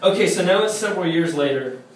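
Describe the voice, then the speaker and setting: A man's voice: sits high, fast talker. Man reading comic book report in echoey bar. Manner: deadpan, profane, sarcastic. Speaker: reading host. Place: bar venue. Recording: echoey room from far off.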